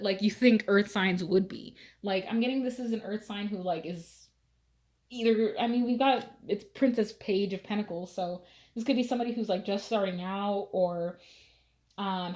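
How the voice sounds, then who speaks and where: A woman's voice: mid-range voice, a little mellow. A young woman giving a casual tarot reading, chatty and full of fillers, laughing now and then. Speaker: tarot reader.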